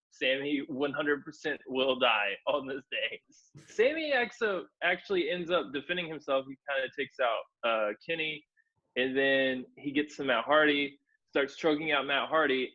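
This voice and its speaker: A man's voice: mid-range voice, highs cut off. A man co-hosting a casual review podcast, swearing freely and laughing as he recaps the action. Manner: profane, laughs through recaps. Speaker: podcast co-host. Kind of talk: casual wrestling review chat.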